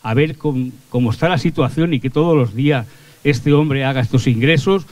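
A man's voice: medium pitch, fairly quick, darkish tone, no echo, natural voice. A man voicing a suspicious male bank director giving orders to a clerk.

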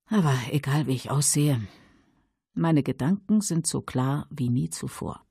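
A man voicing a tense middle-aged mother who pleads and justifies herself urgently, in a husky, creaky voice. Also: mid-range voice, lively intonation, measured pace, warm tone, no echo, clean studio sound, voice pushed up, heavily acted. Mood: urgent, pleading. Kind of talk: audiobook character voice.

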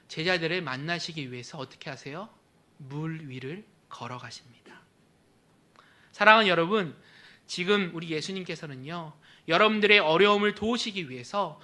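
A man's voice: high-pitched, pushed and bright. A male pastor preaching a sermon in a church, emphatic, with phrase ends that drop to a near whisper.

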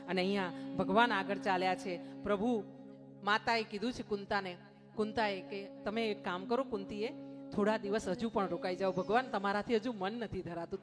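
Woman preaching over devotional music. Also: medium pitch. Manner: emphatic, often checks in with "ha?". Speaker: katha preacher. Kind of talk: devotional sermon storytelling. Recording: music clearly behind the voice.

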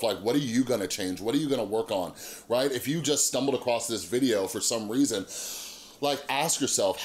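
A man in his thirties hosting a YouTube channel, giving casual, earnest opinion commentary and often checking that listeners agree. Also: lowish voice. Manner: earnest, emphatic, seeks agreement with frequent rhetorical tags. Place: small indoor room with monitors.

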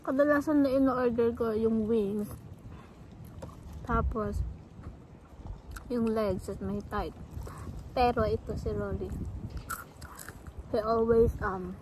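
Filipino woman vlog host, talks through a mouth full of food, slightly high voice, loud background noise. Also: fairly even intonation, takes it slowly, pauses often, poor audio. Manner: chatty, switches between English and Tagalog mid-sentence. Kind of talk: casual mukbang chat.

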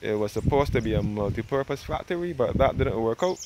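Man, travel vlogger, outdoor roadside, camera mic, loud traffic noise. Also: medium pitch, lively intonation, a little fast. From Barbados. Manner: repetitive, loose and conversational, addressing viewers as guys. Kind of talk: casual walking-tour narration. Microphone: handheld camera mic, speaker off screen. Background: passing cars and outdoor ambience.

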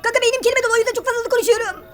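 A man voicing a bookish male mannequin who talks very fast in a high, squeaky voice. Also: fairly even intonation, bright, forceful tone, faint music behind. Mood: rapid, silly.

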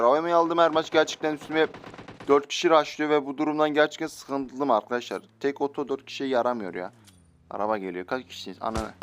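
A young man giving lively, joking commentary while playing a mobile shooter, talking back at his in-game enemies. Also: on the high side, slight background noise. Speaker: gaming YouTuber. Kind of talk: live gameplay commentary.

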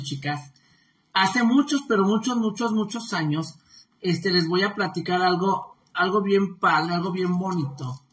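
Woman, live-stream host, chatty and affectionate, bright voice, echoey room. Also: mid-range voice, a little hiss or hum. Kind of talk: casual live-stream chat reading viewer comments. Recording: roomy echo.

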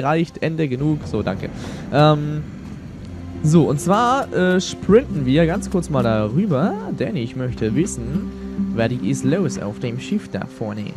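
Lively young man rambling over a game. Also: mid-range voice. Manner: slangy, rambling, thinking aloud. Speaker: let's player. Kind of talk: casual gameplay commentary. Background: game music.

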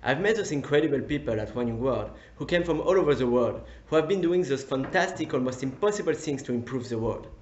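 A man in his twenties from France with a French accent, giving an earnest, enthusiastic self-introduction pitch. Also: lively intonation, fast, few pauses, a little mellow, echoey room, highs cut off, a little hiss or hum. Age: 20s. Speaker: competition applicant.

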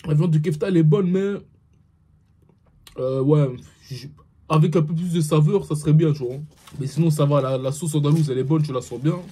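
A man's voice: on the high side, a little fast, warm tone, husky. A young man with his mouth partly full, giving a slangy, laid-back food tasting review, repeating himself as he chews. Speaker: food vlogger.

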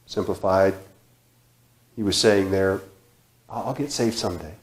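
A man in his thirties preaching a sermon in a church sanctuary, repeating phrases with emphasis and sudden drops to a hush. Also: low-pitched, a little slow. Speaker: guest preacher. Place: church sanctuary, large indoor room. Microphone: far camera, room mic. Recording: echoey church hall.

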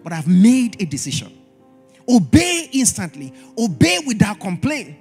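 A man preaching a sermon at a church service, animated and repeating his exhortations, acting out little dialogues. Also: sits high, moderate pace, breathy edge, faint music behind. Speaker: pastor.

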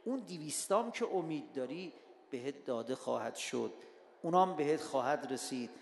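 A man voicing a patient, kindly older holy man, speaking softly and slowly in an echoey hall. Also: fairly high pitch, lively intonation, gravelly, voice pushed down. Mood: gentle. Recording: echoey hall with faint ambience.

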